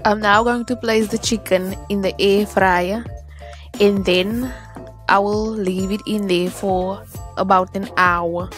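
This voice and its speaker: A woman's voice: medium pitch, fairly even intonation, slow. South African woman narrating over faint music. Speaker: cooking vlogger. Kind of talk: scripted how-to tutorial narration.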